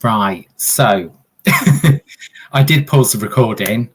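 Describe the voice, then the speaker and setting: A man's voice: mid-range voice, expressive, extremely slow, fairly bright tone, husky. A man, a hairdresser hosting a casual video-call chat, talking in loose, restarting sentences. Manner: chatty, many restarts and fillers. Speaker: host and hairdresser. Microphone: video call microphone.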